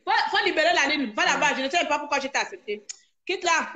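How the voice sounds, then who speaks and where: Woman, high-pitched, indignant, live-stream host lecturing viewers. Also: animated, quick pace, sharp tone. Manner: indignant, scolding, repeats herself with rhetorical questions. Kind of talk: heated live-stream rant.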